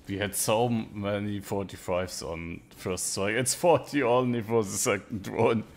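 A man in his thirties giving casual, profane live-stream commentary as a casino game streamer, with excitable outbursts. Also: fairly low pitch, a little slow. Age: 30s.

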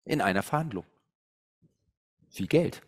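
Animated man storytelling in a property seminar. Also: fairly low pitch, a little slow, breathy edge. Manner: animated storytelling, thinking aloud with hums. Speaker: real estate investment coach. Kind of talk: seminar talk with slides.

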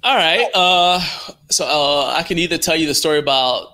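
A middle-aged American man, born in Liberia and brought to the United States as a child, is an interview guest on a video call from an indoor room. A strength athlete and live streamer, he tells anecdotes casually and acts out bits of dialogue. His voice is on the high side and sharp, at a moderate pace.

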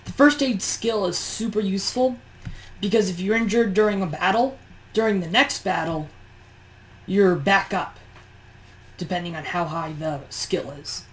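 A woman's voice: medium pitch, a little slow, rough recording. A tired woman with a morning voice, chatting through gameplay commentary on a push-to-talk mic and grumbling in exasperation at how things are going. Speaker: let's play host.

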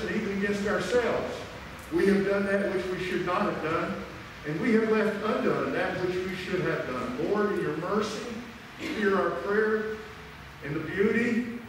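An older male pastor with a high voice leads liturgy and prayer aloud at a Christmas Eve communion service, solemn and measured as he declaims to the congregation. He is inside a large church sanctuary, where a long cathedral-like echo carries his words. The microphone sits at a distance and picks up faint noise.

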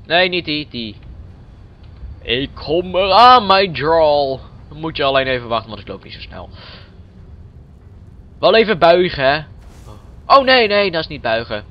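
Male gamer, lively fairly high voice, casual let's play chatter, dull lo-fi home mic. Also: normal speed. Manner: playful, chatty, jokes with the game characters. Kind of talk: casual gameplay commentary.

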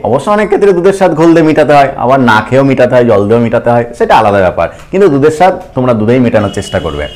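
A man's voice: medium pitch, very animated, racing, darkish tone. A man teaching a grammar lesson. He asks questions and answers them himself, calls the viewers friends and repeats the key points.

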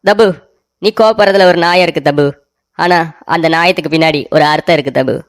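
A woman's voice: on the low side, a little fast, natural voice. A woman voicing an emotional, naive young man in a cartoon story, talking in a whiny, pleading way.

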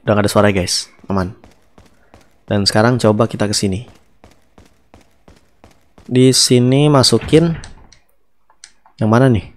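A young man with an Indonesian accent giving casual gameplay commentary into a headset, chatty and often repeating words in quick strings. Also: lowish voice, steady tone. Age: young adult. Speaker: gaming streamer. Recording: game music behind the voice. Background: video game music.

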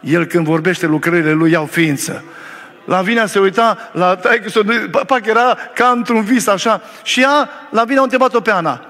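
A man's voice: sits high, pushed and bright. A male pastor preaching a sermon to his congregation, telling a story with fervent conviction. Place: church hall during a service. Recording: long reverb of a church hall.

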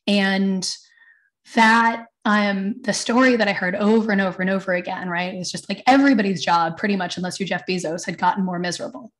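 A woman's voice: medium pitch, fairly even intonation, a little fast. A woman with a tired voice, speaking as a panelist on a webinar from her own room over a video call, chatty, with many fillers and asides. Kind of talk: webinar talk. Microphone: computer mic on video call.

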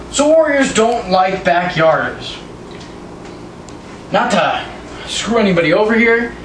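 A high-voiced eighteen-year-old man cutting a backyard wrestling promo, all sarcasm and taunts. He sounds set back from the mic in an echoey room, with steady noise underneath. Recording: roomy, distant, noisy home recording.

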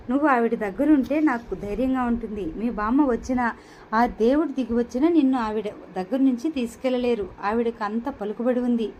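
A woman reading a calm, patient young man. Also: fairly high pitch, a little hiss or hum, natural voice, rough recording.

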